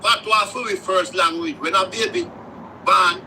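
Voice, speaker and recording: A Jamaican man calls in and explains his view in a folksy, storytelling way. His voice sits high for a man. Clear street and vehicle noise runs behind him. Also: sing-song, normal speed, sharp tone, recorded from a distance, low-quality recording.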